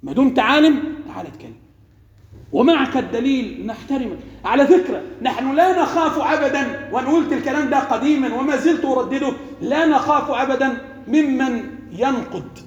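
A man's voice: extremely high pitch, lively intonation, fairly quick, dull audio. A man with an Egyptian Arabic accent, a sheikh giving a religious lesson, asking his listeners rhetorical questions and mixing formal and colloquial speech. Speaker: sheikh and preacher. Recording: echoey hall with long reverb.

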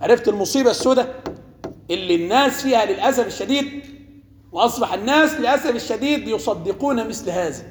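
Fast, high-voiced Egyptian sheikh. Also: male voice, lively intonation, slight background noise. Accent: Egyptian Arabic. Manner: rhetorical questions to listeners, mixes formal and colloquial. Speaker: sheikh and preacher. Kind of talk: religious lesson. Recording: echoey hall with long reverb.

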